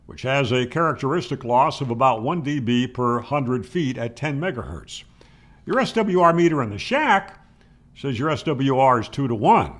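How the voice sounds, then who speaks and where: With a mid-range, fairly bright voice, an older man in his 60s or 70s hosts an amateur radio tutorial from a home room. He explains things plainly and emphatically and answers his own questions. His voice is captured up close by a studio microphone on a boom arm.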